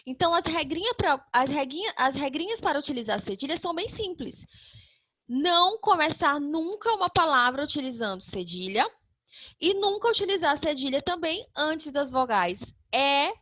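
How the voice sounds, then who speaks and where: A woman teacher gives a recorded lesson to young children. She explains step by step, sounds out syllables slowly, and asks questions that she answers herself. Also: sits high, fairly bright tone, no room sound.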